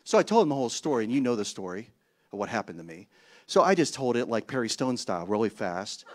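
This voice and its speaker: A man preaching a sermon, telling a story with animated exclamations and chuckling asides. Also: medium pitch, fast talker. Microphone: handheld mic.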